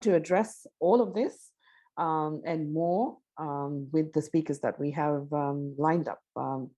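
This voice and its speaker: A woman with a notably low voice moderates an online advocacy panel. She talks hesitantly, filling her sentences with "um" and "you know", and sounds middle-aged. She comes through a video call. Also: slow, dark tone. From Fiji. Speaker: moderator and women's rights advocate.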